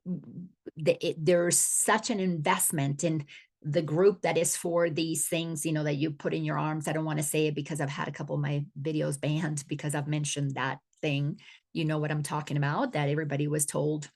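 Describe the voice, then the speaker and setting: A middle-aged woman from the Dominican Republic teaches as a spiritual coach in an earnest, unscripted way. Her voice sits low and carries a gravelly fry. She often repeats a word as she restarts a thought. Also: level tone, normal speed, a little mellow. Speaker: awareness coach.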